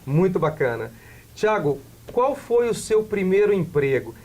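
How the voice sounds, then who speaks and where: A man with a Brazilian Portuguese accent and a somewhat high voice hosts a televised business interview. He tends to ask the same question several ways in a row. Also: sing-song, unhurried, warm tone, slight background noise. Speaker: TV talk show host.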